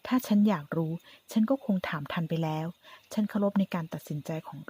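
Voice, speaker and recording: A woman voicing a smug, scheming rival, hushed and husky. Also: on the low side, brisk. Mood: cool, scheming.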